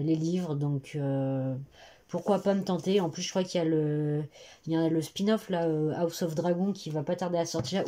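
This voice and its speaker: A woman's voice: low voice, mellow. A teenage girl chatting casually about the books she plans to read, rambling and hesitant, with many fillers, recorded on a phone in her bedroom. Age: teens. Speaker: booktuber. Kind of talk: casual chat. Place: bedroom at her parents' home. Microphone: phone camera.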